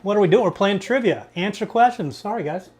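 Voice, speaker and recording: A man's voice: high-pitched, lively intonation, brisk, a little mellow. A man co-hosting a casual livestream trivia game, reading questions aloud and teasing the chat. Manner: reads questions and teases the chat. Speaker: trivia co-host.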